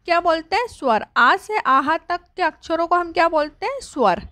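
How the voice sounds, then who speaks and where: A woman teaching young children at a board. She asks questions and answers them herself, and she draws out each letter sound slowly. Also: very high-pitched, animated, bright, forceful tone, no echo. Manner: slow, drawn-out sounding of letters.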